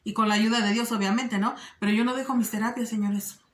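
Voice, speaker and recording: A woman talking earnestly and directly to her viewers in a casual vlog, often pausing on fillers. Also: on the high side, steady tone, roomy sound. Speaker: vlogger giving advice. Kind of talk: casual direct-to-camera talk.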